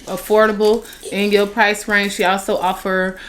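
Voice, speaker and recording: A woman's voice: medium pitch, little pitch movement, normal speed, a little hiss or hum, poor audio. A woman co-hosting a podcast in casual chat, giving dry, blunt replies and reading sponsor plugs. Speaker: podcast co-host.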